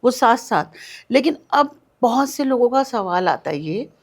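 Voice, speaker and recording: A woman's voice: on the high side, lively intonation, a little slow. A woman guest on a podcast who explains step by step and patiently, repeating key words so listeners can follow. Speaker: guest, switch-word remedy expert.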